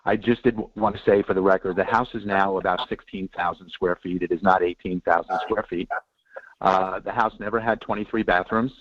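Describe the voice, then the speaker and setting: A man's voice: low-pitched, fairly even intonation, brisk. A man calling in over the phone to address a review board, speaking hesitantly with many ums, earnest and defensive. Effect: heard over the phone line. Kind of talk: public comment at a board hearing. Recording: dull, dry phone-line audio.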